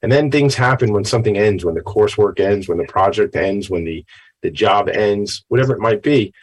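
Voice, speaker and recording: A middle-aged man with a gravelly, slightly tired voice, hosting a show in an informal, chatty, folksy way. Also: fairly low pitch, animated, a little fast, poor audio. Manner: folksy, chatty, self-branding patter. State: a little tired after a late night. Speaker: show host. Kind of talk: informal upbeat talk-show monologue.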